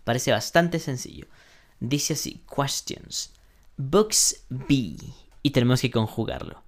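A male English teacher gives a patient, step-by-step lesson, slowing down to pronounce each example and checking in with the class. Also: mid-range voice. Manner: patient, explains step by step with frequent "ujú" and "¿no?"; slows down sharply when pronouncing English examples. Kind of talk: online English lesson taught in Spanish.

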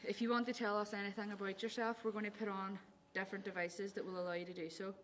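A woman's voice: mid-range voice, flat delivery, quick pace, fairly bright tone. A young woman with a Northern Irish accent presenting a casual paranormal investigation outdoors, recorded on a camera a few steps away. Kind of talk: casual ghost-hunt vlog, calling out to spirits. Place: outdoor stone ruins at night. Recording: clearly noisy handheld outdoor camera audio.

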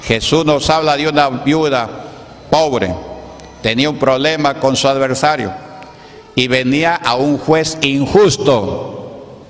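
A man's voice: mid-range voice, slow, pauses often. Man preaching in an echoey hall. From Peru. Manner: preaching, rhetorical questions, checking in with the congregation. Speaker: pastor. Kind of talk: Pentecostal sermon. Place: church hall.

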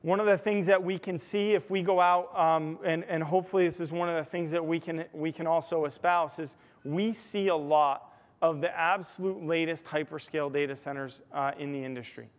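His voice sits on the high side, with fairly even intonation and a normal speed. He's an American technology executive giving a conversational conference keynote on a large indoor hotel ballroom stage, explaining points and often checking in with "right?" The lapel-mic audio has a reverberant hall sound and amplified stage sound.

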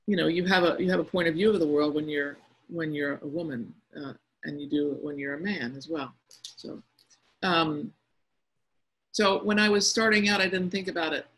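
A middle-aged cartoonist with a quiet, husky, deep voice answers questions from young listeners in casual, reflective talk. She is soft-spoken and hesitates often, and the rough audio comes over a video conference call.

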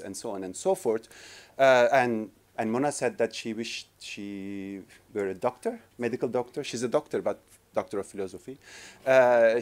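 A man's voice: medium pitch, a little mellow. Hesitant academic man from Turkey at a podium. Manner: hesitant, many filler restarts, gestures with notes. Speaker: conference discussant. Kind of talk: academic panel response. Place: lecture hall, standing at podium. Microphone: podium microphone.

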